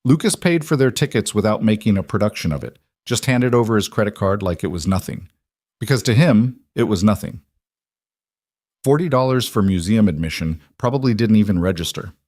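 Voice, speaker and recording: Male narrator, even storytelling read, lowish voice, close dry studio mic. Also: a little fast, no room sound.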